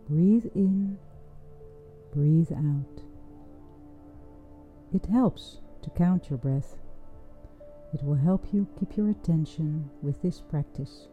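A woman leading a guided breathing meditation in a soft, soothing, unhurried voice with long pauses. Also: deep voice. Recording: dull, muffled sound with music underneath. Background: music.

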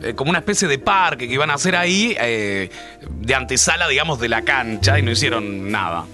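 A man with a Uruguayan accent hosting casual comic radio banter in an animated way. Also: mid-range voice, a little fast. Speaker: radio host. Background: background music.

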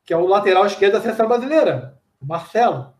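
A man with a Brazilian Portuguese accent and a fairly high voice chats casually in an interview. He talks in slang and drifts into anecdotes with quick asides. The room around him is echoey. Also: lively intonation. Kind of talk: casual chat.

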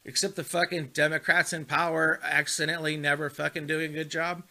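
A man's voice: on the high side, little pitch movement, fairly quick, sharp tone. A man delivering a heated, profane monologue, repeating words and restarting as he gets worked up. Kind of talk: impassioned monologue.

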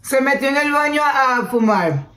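A woman's voice: high-pitched, lively intonation, moderate pace, bright, forceful tone. A woman with a Venezuelan accent, co-hosting a podcast in casual chat, breaking in with questions and summing up what she hears. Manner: interjects questions, sums up the story. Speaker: podcast co-host. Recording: roomy echo.

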